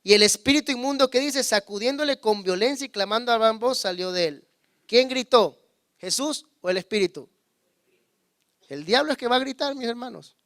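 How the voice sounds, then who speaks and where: High-voiced preaching man, dry sound. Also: normal speed, dry recording. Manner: calls on the congregation to repeat words; swings between loud emphasis and hushed low asides. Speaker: pastor. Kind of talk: sermon.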